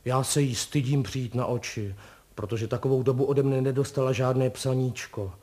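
A man voicing an excitable, bashful young male chauffeur who exclaims in a high, jumpy voice. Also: close to an everyday voice. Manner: breathless exclaiming, pitch jumps high.

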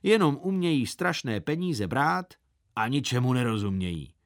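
A man's voice: medium pitch, sing-song. A man voicing a grumbling, stingy middle-aged uncle who sighs and complains in a storybook reading. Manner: complaining, sighing.

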